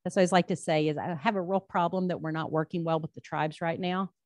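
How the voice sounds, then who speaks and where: A state labor commissioner, a woman with a low, slightly mellow voice, addresses a club from a podium in a meeting room and takes audience questions. She talks fast and steadily into a handheld microphone, with no room sound, in a folksy, emphatic, self-deprecating style.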